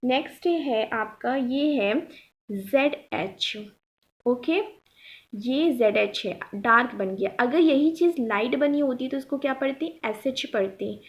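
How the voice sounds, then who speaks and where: A woman teaching shorthand step by step, patiently repeating each point and checking that her students follow. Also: a little high. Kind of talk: step-by-step tutorial explanation.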